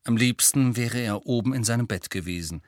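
A man with a mid-range voice narrates an audiobook from a script, reading slowly in a lively storytelling style. The recording is dry, with clean studio sound.

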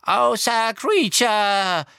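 A man voicing a spiteful, servile old male house-elf who speaks of himself in the third person, hoarse and cackling. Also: high-pitched, animated, pushed and bright, dry recording, clean studio sound, voice pushed up, full character voice. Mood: gloating. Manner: slow, gloating, talks of himself in third person.

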